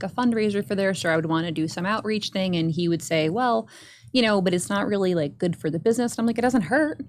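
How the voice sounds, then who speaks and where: A woman's voice: on the low side, a little hiss or hum. A middle-aged woman who owns a dance studio, telling a heartfelt story in a casual interview, earnest and full of restarts.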